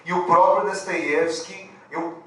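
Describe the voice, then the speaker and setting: A man's voice: high voice, steady tone, slow pace, fairly bright tone, a little hiss or hum. A man in his thirties giving an academic lecture, wandering into asides and restarting his phrases. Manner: digressive, full of asides and restarts. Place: lecture hall with an audience. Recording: very echoey hall, mic far off.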